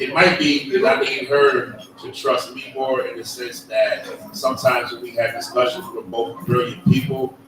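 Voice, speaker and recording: A man's voice: mid-range voice, background noise. A man answering a panel question in a casual group talk, reflective and self-assured as he explains himself. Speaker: panel guest. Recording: very echoey room, distant mic, crowd behind.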